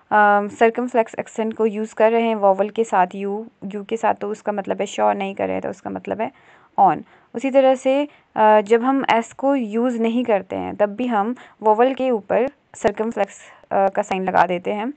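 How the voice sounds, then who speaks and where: A woman tutor explaining a language lesson step by step, pausing to think and correcting herself. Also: mid-range voice, creaky, a little mellow, dry recording. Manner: explains step by step with frequent "अ" fillers and self-corrections. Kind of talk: explanatory lesson in Hindi with English terms.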